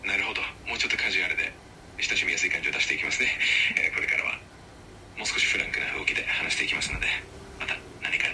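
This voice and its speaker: A male text-to-speech AI assistant voice that talks politely and earnestly, sounding formal even when attempting a put-on Kansai dialect. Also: sits low, very fast, creaky, distant mic, a little hiss or hum, low-quality recording. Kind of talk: polite scripted assistant chat.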